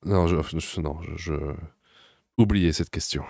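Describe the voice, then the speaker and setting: A man hosting a reaction video, making sarcastic, deadpan comments. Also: low voice, measured pace, no room sound, studio quality. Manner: mocking, deadpan asides.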